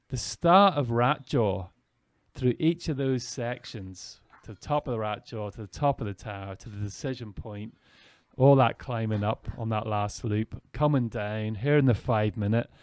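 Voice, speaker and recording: A man's voice: mid-range voice, moderate pace, no echo. A man hosting a podcast, reflecting in a casual, thinking-aloud way. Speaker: podcast host. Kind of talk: casual interview chat.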